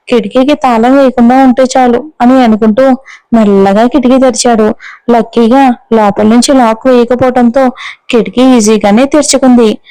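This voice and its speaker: Brief: woman narrator, steady storybook reading, smooth clear voice, dry close sound. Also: on the high side, dry recording, low-quality recording.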